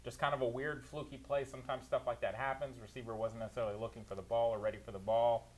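A man who works as a producer and analyst gives detailed, opinionated play-by-play recaps of football games on a talk show, laughing easily. He talks fast in a mid-range voice with little pitch movement.

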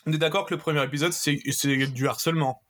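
A man's voice: on the high side, fairly even intonation, quick pace, background noise. A man hosting a casual podcast quiz with friends, joking around and explaining the game rules at length. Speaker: quiz host.

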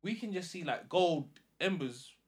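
A man with a London roadman accent, casually telling an animated story in slang and acting out the dialogue. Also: on the high side, measured pace. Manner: slangy, acts out quoted dialogue.

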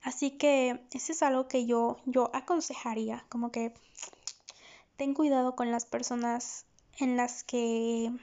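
A woman's voice: fairly high pitch, fairly even intonation, a little slow, mellow. Chatty woman psychologist, laughing. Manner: chatty, candid, laughs often. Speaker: psychologist, podcast host. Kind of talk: casual podcast monologue. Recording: dull lo-fi recording.

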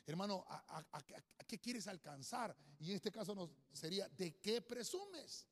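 A man's voice: high voice, normal speed. A man preaching a Bible lesson, constantly calling listeners brother, with jokey asides and repeated words as he thinks. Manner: calls listeners "brother" nearly every sentence. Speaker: preacher teaching a Bible study. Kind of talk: sermon-style Bible teaching at a whiteboard. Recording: long hall reverb.

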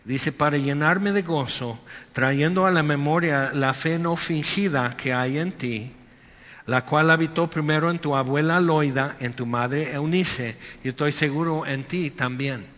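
A man's voice: fairly high pitch, measured pace, a bit bright, big-room sound, highs cut off. A male pastor preaching a Sunday sermon in a conversational way, acting out quotes and asides.

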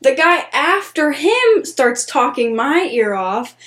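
Giggly twenties woman, podcast co-host, chatty storyteller, slightly high voice. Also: sing-song, slow pace, a bit bright. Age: 20s. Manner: giggly, laughs often while telling stories. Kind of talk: casual chat, storytelling.

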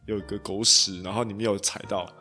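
A man's voice: lowish voice, steady tone, fairly quick, pushed and bright, soft background music. A man from Malaysia co-hosting a podcast in casual chat, mixing in English and swearing casually. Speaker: podcast co-host.

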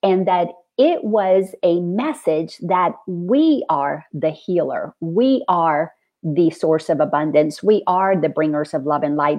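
A middle-aged woman from the Dominican Republic, hosting a spiritual conversation and telling her story with earnest, animated feeling. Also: deep voice, muffled recording.

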